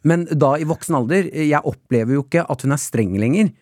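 A man in a casual radio chat, telling an animated story with frequent laughter. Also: on the high side, no echo, clean studio sound. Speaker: guest storyteller.

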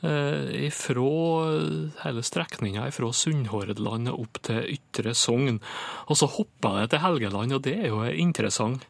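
A man as a radio dialect expert, answering listener questions in a measured, explanatory way with frequent pauses. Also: mid-range voice, vocal fry, no room sound.

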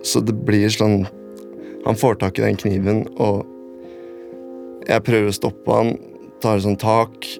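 A man telling his own story in a radio documentary, halting and repetitive, stringing his sentences together with "and then". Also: lowish voice, flat delivery, gravelly, darkish tone, soft background music. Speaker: interviewee recounting a personal event. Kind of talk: spoken recollection in a radio documentary.

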